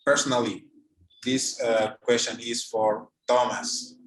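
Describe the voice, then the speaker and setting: Slow, hesitant male interviewer. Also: medium pitch, flat delivery. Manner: hesitant, many fillers. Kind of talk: interview questions. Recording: roomy echoey audio.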